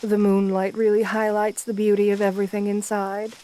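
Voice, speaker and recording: A woman plays an assertive, flirtatious vampire countess in an ASMR roleplay, addressing the listener in a genteel, doting way full of pet names, gracious and charming. Her medium-pitched voice has a dark tone and a completely flat, slightly fast delivery, lightly acted, and the recording is rough.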